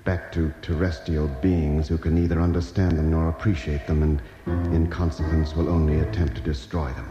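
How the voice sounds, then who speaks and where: An actor playing a grave, thoughtful doctor on a lunar expedition in a vintage radio drama. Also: male voice, rumbling low, level tone, moderate pace, dark tone. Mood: bleak. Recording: muffled old radio recording, music behind.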